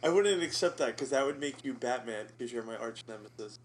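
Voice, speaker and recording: A man's voice: medium pitch, animated, fairly quick, a little hiss or hum. Giggly man chatting on a podcast. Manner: giggly, laughs a lot between sentences. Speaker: podcast co-host. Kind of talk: casual chat.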